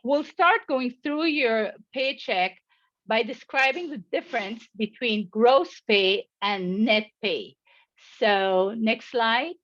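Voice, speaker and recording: A middle-aged woman, an insurance agent, gives a scripted webinar presentation in a measured way, reading prepared remarks. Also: fairly high pitch, a bit bright, no room sound, highs cut off.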